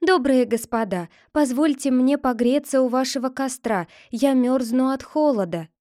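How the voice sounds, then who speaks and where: A woman's voice: high-pitched, normal speed, warm tone, no echo, clean studio sound, close to an everyday voice. A woman voicing a poor, timid young girl who pleads politely in a read-aloud fairy tale. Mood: pleading.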